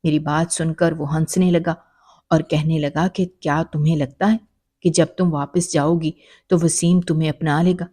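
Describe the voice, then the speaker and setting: Warm, low-voiced woman narrating a story. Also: fairly even intonation, slightly rough. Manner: dramatic, emotional storytelling. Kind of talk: first-person story narration.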